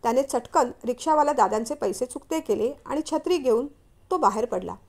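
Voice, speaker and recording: A woman reads a story aloud in a high voice. Her telling is smooth and steady, scripted narration. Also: fairly quick.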